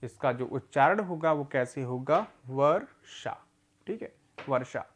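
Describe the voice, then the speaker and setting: A man's voice: mid-range voice, animated, a little hiss or hum. Patient man teaching a reading lesson. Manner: patient, asks questions and answers them himself; repeats words slowly for learners. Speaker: literacy teacher.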